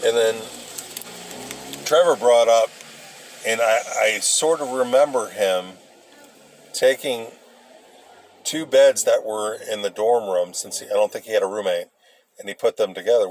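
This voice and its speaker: A vlogger rambles casually through old memories, his fairly low voice halting and hesitant as he hunts for details. The recording is noisy, with vehicle and ambient sound behind him.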